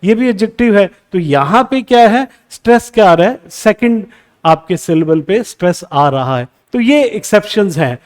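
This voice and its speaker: A man's voice: high-pitched, expressive, moderate pace. A man teaching English exam prep in a lecture, mixing Hindi with English terms and answering his own questions. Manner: asks the class questions, then answers them himself.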